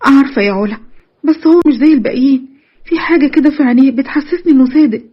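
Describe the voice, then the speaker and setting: A woman voicing a shy, nervous young college girl with an Egyptian accent, pitching her voice high and jittery. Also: very fast, highs cut off, close to an everyday voice. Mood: tender. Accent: Egyptian Arabic.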